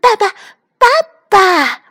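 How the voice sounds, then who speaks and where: A woman voicing a clingy, eager baby duckling for a storybook, calling out loudly and eagerly. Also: extremely high pitch, big pitch swings, slow, pitched above the performer's own voice, exaggerated voice.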